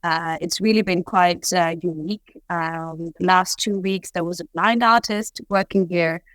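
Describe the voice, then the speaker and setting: On a video call from a remote art residency studio, a woman artist in residence answers interview questions as a guest. She reflects in thoughtful, hesitant phrasing, her lowish, slightly bright voice keeping a steady tone at a measured pace.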